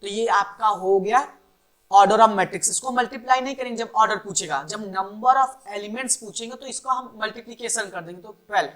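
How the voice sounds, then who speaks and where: Woman teaching matrices, asking and answering herself. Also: medium pitch. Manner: counts rows and columns aloud, asks and answers her own questions. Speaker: maths teacher. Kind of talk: board-exam revision lesson.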